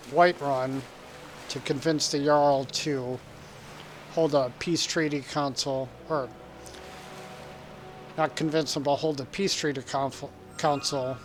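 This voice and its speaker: A man's voice: fairly high pitch, slight background noise. Casual American man streaming a game. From United States. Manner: rambling, chuckling, reads chat aloud. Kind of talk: casual live-stream chat while gaming.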